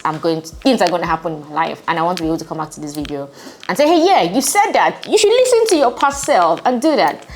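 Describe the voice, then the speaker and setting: With a lowish voice and a bit of background noise, a hungover twentysomething vlogger chats informally to her audience. She hosts the channel and sounds reflective and conversational, music running underneath.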